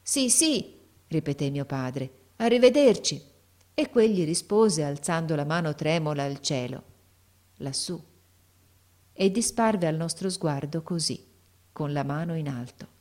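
A woman narrates a classic novel in a gentle, measured way. Her voice sits on the low side for a woman. The delivery is steady, in the manner of a literary audiobook.

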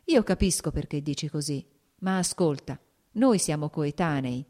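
Audiobook: woman voicing a smooth-talking married officer, measured and persuasive. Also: deep voice, expressive, warm tone.

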